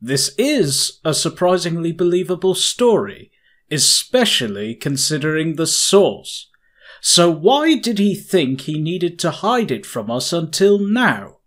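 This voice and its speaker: A fan dub voice actor performs a stern, haughty young male prosecutor in a dramatic video game dub, his speech formal and pointed. His voice is a little high and a bit bright, with big pitch swings and an exaggerated, unhurried delivery. The character comes across as stern, suspicious, and proud.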